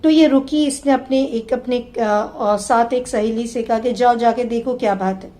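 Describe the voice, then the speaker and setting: A woman lecturer giving a religious sermon, telling a story and mixing English words into Urdu, ending in a slow, soft prayer. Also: on the high side.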